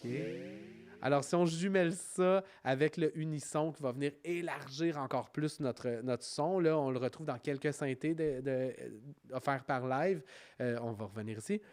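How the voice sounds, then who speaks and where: A man with a Quebec French accent narrating an informal software tutorial, explaining step by step in a conversational way. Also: on the high side, normal speed. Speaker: music software instructor.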